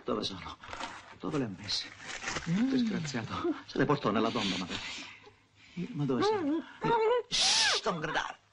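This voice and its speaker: An actor playing a sly, bumbling male burglar, middle-aged, who mutters and hushes to himself as he works. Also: on the high side, huge pitch swings, a little slow, pauses often, exaggerated voice. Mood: hushed fretful. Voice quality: mutters and hushes in a loud whisper. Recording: loud hiss from an old film soundtrack.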